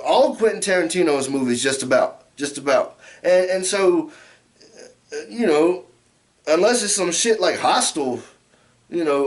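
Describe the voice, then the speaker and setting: A middle-aged American man delivers a drunken, casual rant in a notably high voice. He rambles, circles back over the same phrases and curses freely, like an amateur reviewer talking straight to his viewers. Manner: heavily profane. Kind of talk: casual ranting vlog.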